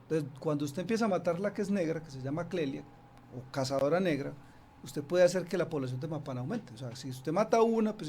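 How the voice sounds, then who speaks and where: His voice is fairly high and creaky with a darkish tone as this Antioquian snake expert talks on a radio interview. He explains casually in the studio, with many restarts and fillers, and there's slight background noise.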